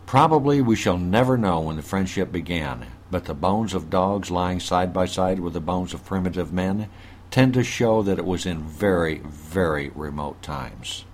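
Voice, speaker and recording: Folksy deep-voiced man hosting a webcast. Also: normal speed, slight background noise. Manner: folksy, addresses listeners as folks, frequent restarts. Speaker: host. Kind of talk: casual webcast hosting and story reading.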